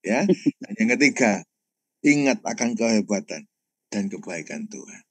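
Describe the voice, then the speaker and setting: A man's voice: lowish voice, sing-song, moderate pace, dry recording, low-quality recording. A man, a pastor telling a personal testimony in a sermon and often addressing the congregation directly.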